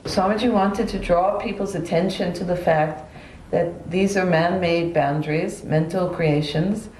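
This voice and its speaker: Woman with a lowish voice for a documentary interview, calm and reflective, roomy sound. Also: a little slow, a little hiss or hum.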